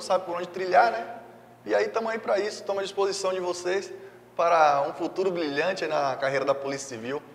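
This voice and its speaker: A man, a teacher, giving an upbeat sales pitch for his course. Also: roomy sound, big-room sound.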